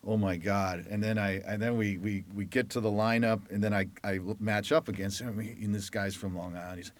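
Deep-voiced man telling a sports story. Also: normal speed, dry recording. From Detroit, Michigan. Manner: animated storyteller who acts out quoted voices. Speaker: guest, former lacrosse player. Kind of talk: conversational storytelling.

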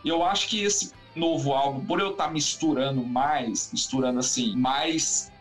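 A man, a musician, talking in a casual interview in a rambling, animated way, full of fillers and restarts. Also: medium pitch, moderate pace, soft background music. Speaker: musician guest.

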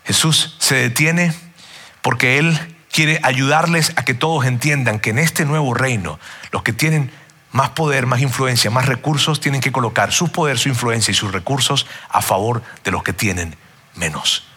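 A man's voice: medium pitch, normal speed, bright, forceful tone, husky. A man preaching a sermon earnestly and emphatically, often calling his listeners friends.

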